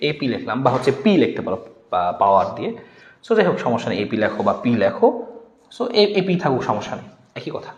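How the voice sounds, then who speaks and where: A young man with a Bangladeshi Bengali accent teaching a physics exam-prep class in a casual, repetitive way, often checking in with his students. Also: mid-range voice. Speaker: physics tutor. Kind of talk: online exam-prep lecture. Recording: echoey room with long reverb.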